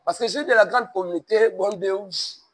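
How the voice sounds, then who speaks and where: With a high voice at a moderate pace, a man from DR Congo gives an interview in a preaching tone. His Congolese French accent comes through as he blends French and Lingala in an emphatic, sermon-like delivery.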